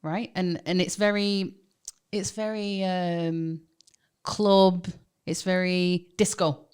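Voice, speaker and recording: This podcast co-host, a young adult woman from England, speaks slowly in a lowish, clean-toned voice with a Manchester accent. The chat is casual, and she's lively and talkative, laughing often.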